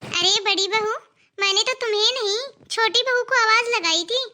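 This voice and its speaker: Fields: shrill bossy mother-in-law voiced by one performer. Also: moderate pace, pushed and bright, exaggerated voice. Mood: scolding. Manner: scolding, boastful, belittling. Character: bossy scolding older village mother-in-law. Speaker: cartoon character.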